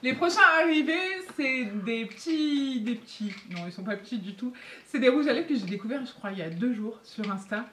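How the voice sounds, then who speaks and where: A woman chatting excitedly and giggling as she unboxes makeup for her beauty vlog. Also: medium pitch, fast talker. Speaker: beauty vlogger. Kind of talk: casual unboxing chat. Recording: echoey room, faint noise.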